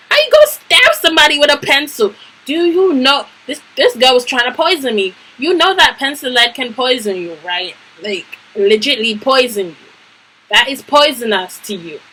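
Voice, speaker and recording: A young adult woman vlogger telling a story in a lively, emphatic, slang-heavy casual way. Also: high voice, moderate pace, poor audio. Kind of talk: storytime vlog.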